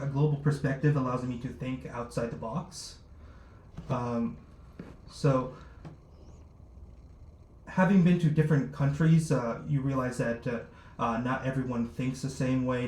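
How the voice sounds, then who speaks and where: This man has a dark, mid-range voice and is a startup founder answering interview questions; he was born in Luxembourg and raised abroad. His delivery is hesitant, packed with filler words and restarts, and the roomy recording carries echo and a faint noise.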